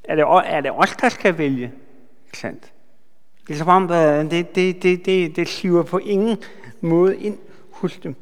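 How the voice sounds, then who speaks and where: A man giving a sermon, retelling a Bible story with lively asides to his listeners. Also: high-pitched. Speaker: preacher. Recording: long hall reverb.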